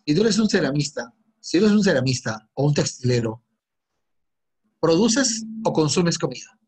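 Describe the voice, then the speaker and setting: Brief: middle-aged male teacher, husky, swings up and down a lot, joking and scolding on a video call. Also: on the high side, animated, moderate pace, a little mellow. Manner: teasing, joking, scolding students. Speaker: history teacher. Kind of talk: online class to students.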